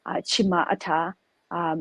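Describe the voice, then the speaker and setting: A woman pharmacist giving interview answers in a measured, explanatory way, pausing often with fillers. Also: a bit bright, no echo. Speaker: pharmacist guest.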